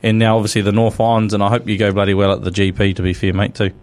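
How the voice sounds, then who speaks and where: A man's voice: on the low side, completely flat delivery, rapid-fire. A man with a broad Kiwi accent hosting a casual motorsport chat in a blokey, slangy, mildly sweary way. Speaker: motorsport show host.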